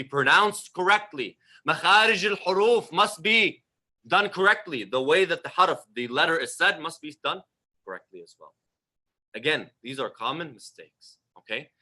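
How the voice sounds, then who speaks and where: A man's voice: a little high, sharp tone. A man giving a religious lecture, direct and emphatic, full of rhetorical questions aimed at his listeners. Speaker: religious teacher.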